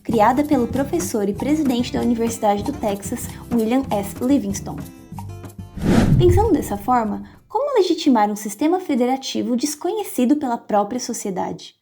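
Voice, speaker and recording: A young woman reads a prepared narration in a steady, explanatory way. Her voice is mellow and slightly high, and faint music plays behind her. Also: moderate pace, slightly rough. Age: young adult. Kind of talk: scripted narration.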